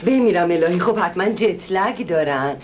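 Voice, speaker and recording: Actress doing a stubborn, fawning middle-aged lady for a stage comedy, lowish voice, sharp-tongued when crossed. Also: animated, a little hiss or hum, natural voice. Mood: pleading. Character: pushy, doting middle-aged woman visiting from abroad.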